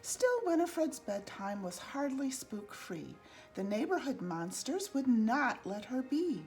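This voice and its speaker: A woman with a fairly high voice reads a rhyming picture book to children. Her delivery is expressive and singsong, with big swoops in pitch and an unhurried pace. Music plays along with the reading. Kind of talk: read-aloud children's storytelling in rhyme.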